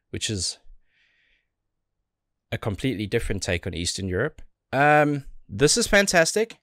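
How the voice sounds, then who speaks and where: An excitable man hosting a music reaction video, talking in casual commentary and a little out of breath. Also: mid-range voice, no echo, studio quality. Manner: excitable, enthusiastic.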